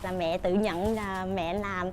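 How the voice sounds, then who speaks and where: A woman's voice: medium pitch, steady tone, slow pace, background noise. A woman, a daughter-in-law on a talk show, telling stories about her home life in a candid way. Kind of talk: casual talk show chat.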